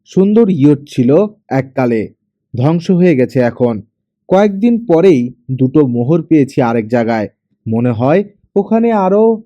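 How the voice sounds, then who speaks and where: A man's voice: medium pitch, animated, a little slow, pauses often, warm tone, no echo, close to an everyday voice. A man voicing a poor, proud teenage fisher boy in an audiobook, speaking plainly and earnestly. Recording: dull lo-fi audio.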